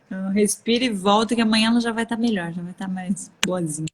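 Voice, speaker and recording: A woman's voice: medium pitch, steady tone, normal speed, slight background noise. A woman in her thirties with a Brazilian Portuguese accent, chatting candidly on a live stream about motherhood, often laughing. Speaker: guest speaker on parenting. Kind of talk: casual live-stream conversation.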